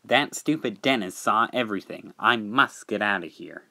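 A man's voice: on the low side, moderate pace, vocal fry, sharp tone, heavily acted. A man voicing a sneaky, scheming shunting engine in a homemade storybook tale.

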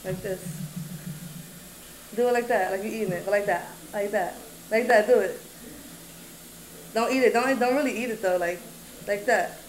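A woman's voice: mid-range voice, normal speed, long pauses, a little hiss or hum, rough recording. A young adult woman hosting a casual eating vlog, upbeat and chatty as she coaxes her child along. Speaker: mukbang vlogger, host.

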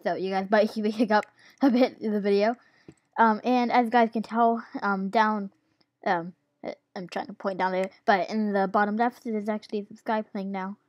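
A woman chats through a building game as a gaming YouTuber, stuck with the hiccups. She giggles often and hesitates with plenty of ums. Her voice sits in an ordinary middle pitch and sounds dry and close to the mic. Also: fairly even intonation, normal speed, no room sound, dull audio. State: has the hiccups. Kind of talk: casual gameplay commentary.

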